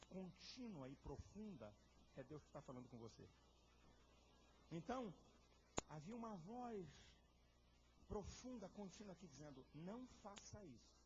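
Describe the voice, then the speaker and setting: A man preaching a sermon with a Brazilian Portuguese accent, swinging between loud shouts and low, confiding talk. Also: lo-fi sound, noisy background. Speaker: pastor. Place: large church hall.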